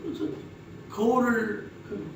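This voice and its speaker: A man's voice: very high-pitched, fairly even intonation, slow, vocal fry. A man preaches a sermon. He spins jokey stories and fires off rhetorical questions. He is heard from a distance in a very echoey hall, with faint noise behind him. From Chungcheong, Korea. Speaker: pastor.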